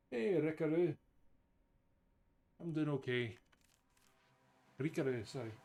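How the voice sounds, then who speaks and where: Jumpy Scottish man streaming a horror game. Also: mid-range voice. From Scotland. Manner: reads game dialogue aloud with jumpy, excitable outbursts. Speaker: gaming streamer. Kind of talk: live horror game commentary. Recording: clear background noise behind voice.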